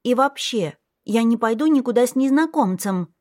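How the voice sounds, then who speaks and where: A woman's voice: fairly high pitch, animated, moderate pace, a little mellow, no room sound, studio quality, pitched above the performer's own voice, natural voice. A woman voicing a stubborn, capricious little girl princess in an audiobook, with a whiny, insistent childish manner. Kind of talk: audiobook character voice.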